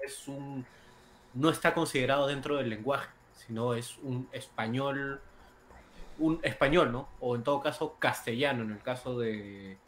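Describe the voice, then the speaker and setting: A man's voice: medium pitch, measured pace, a bit bright, slight background noise. A man on a casual gaming podcast who explains things hesitantly, often repeating words.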